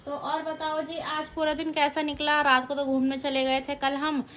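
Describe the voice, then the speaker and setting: A woman chats casually for her vlog from home at night, talking straight to her viewers. Her voice sits high and sounds bright and forceful. A faint noise runs under her talk. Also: completely flat delivery, normal speed. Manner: chatty, speaks straight to viewers. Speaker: vlogger.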